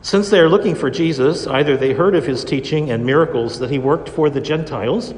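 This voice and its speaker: A man's voice: on the high side, brisk. Man preaching in a cathedral-like echo. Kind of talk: liturgical scripture reading and homily. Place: large reverberant church indoors. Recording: long cathedral-like echo, reverberant church.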